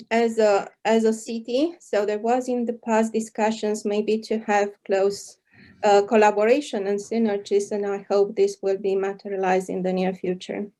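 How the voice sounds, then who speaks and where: A woman professor from Romania speaking on an online panel, measured and hesitant. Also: on the high side, mellow. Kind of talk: panel discussion.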